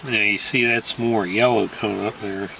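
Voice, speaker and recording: A man in a played video, talking in a slow, drab monotone. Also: on the low side, creaky, very noisy.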